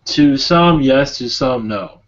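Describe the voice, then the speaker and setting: A man channeling a benevolent otherworldly Sirian being, speaking in a solemn, halting, prophetic trance-like manner. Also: mid-range voice, animated. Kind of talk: channeling session, answering questions. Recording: dull lo-fi audio.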